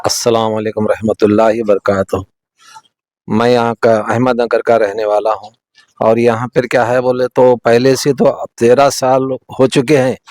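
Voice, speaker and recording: A man's voice: mid-range voice, no echo. A man, a resident answering a street interview with plain complaints.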